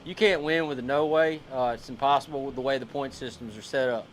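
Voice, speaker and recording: A man announcing catches at an outdoor fishing weigh-in, loud and chatty. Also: medium pitch, fast, slight background noise. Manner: loud, chatty, coaching others. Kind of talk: live weigh-in commentary.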